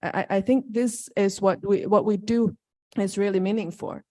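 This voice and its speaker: A woman's voice: medium pitch, steady tone, moderate pace, dark tone. A woman who organizes a university program, answering on a panel in a hesitant, earnest way with many fillers.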